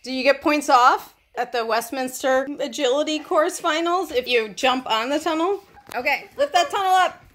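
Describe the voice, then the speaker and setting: A woman's voice: high-pitched, normal speed, few pauses, a bit bright, slight background noise. A middle-aged woman in her apartment living room, cheerfully coaxing her dog through a home course. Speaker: dog owner. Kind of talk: casual home video.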